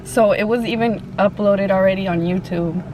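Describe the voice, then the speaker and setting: A woman chatting casually and haltingly to viewers in slangy, informal speech while eating, sometimes with her mouth full. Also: medium pitch, steady tone. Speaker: mukbang vlogger. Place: open-top Jeep outdoors. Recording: clear car and outdoor ambient noise.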